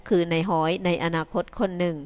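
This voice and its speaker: A woman's voice: on the low side, little pitch movement, fairly quick, a little mellow, clear, resonant tone. Woman narrating an audiobook. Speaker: audiobook reader.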